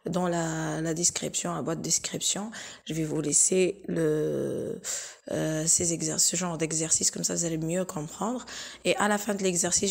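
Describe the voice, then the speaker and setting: A woman teacher explaining exam exercises in a recorded lesson, hesitant and full of filler pauses, repeating each example slowly and patiently. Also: low-pitched, creaky.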